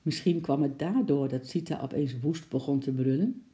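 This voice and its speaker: A woman narrating a children's storybook with expressive, dramatic delivery. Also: rumbling low, normal speed. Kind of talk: children's storybook read-aloud.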